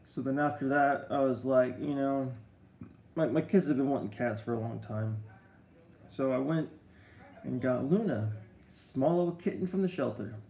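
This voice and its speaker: A man's voice: mid-range voice, normal speed, dark tone, roomy sound, low-quality recording. A middle-aged man on a live stream, telling long rambling stories with many restarts and answering viewer comments. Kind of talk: casual live-stream chat.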